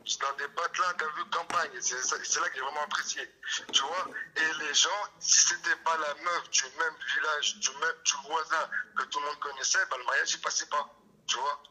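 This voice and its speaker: Husky, bright male caller talking French street slang. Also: on the high side, steady tone, normal speed. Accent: Paris suburban French. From Paris suburbs, France. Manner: French street slang, repeats checking tags. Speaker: phone-in caller. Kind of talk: casual street-slang debate talk. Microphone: phone call. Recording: muffled, harsh telephone line.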